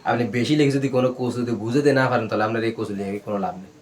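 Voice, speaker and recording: A man's voice: mid-range voice, steady tone. Man drilling Arabic spelling in a lesson. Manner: drills with repeated questions and answers; slow, syllable-by-syllable recitation. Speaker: Quran reading teacher. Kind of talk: spelling out Arabic letters in a recorded class.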